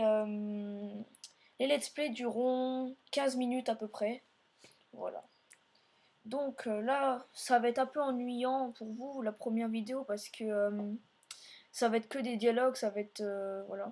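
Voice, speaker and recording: Woman, let's play host, slightly higher voice, rambling commentary aimed at viewers. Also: a little mellow. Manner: meandering, filler-heavy narration while playing; speaks directly to viewers.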